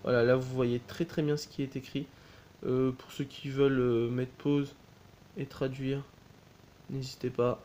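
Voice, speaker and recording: A man talks through his collection in a relaxed, rambling way, stopping often to hesitate and correct himself. His voice sits at an ordinary middle pitch for a man. A faint hiss stays under the recording. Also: unhurried. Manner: chatty, many hesitations and self-corrections. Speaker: collector showing a DVD box set. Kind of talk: casual unboxing chat.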